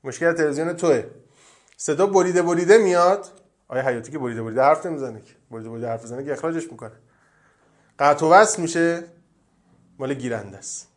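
A man giving a religious lecture, telling stories and often dropping to a soft, low voice. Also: pauses often. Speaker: cleric.

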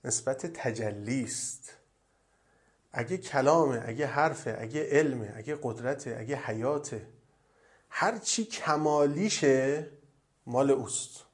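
A man giving a religious lecture, telling stories and often dropping to a soft, low voice. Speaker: cleric.

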